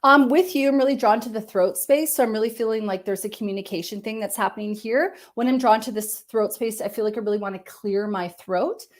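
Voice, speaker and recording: A woman medium giving a live-stream reading, talking gently and searchingly, hedging with many likes and ums, and dropping to a soft murmur as she tunes in. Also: mid-range voice, fairly even intonation, a little fast, hardly any pauses.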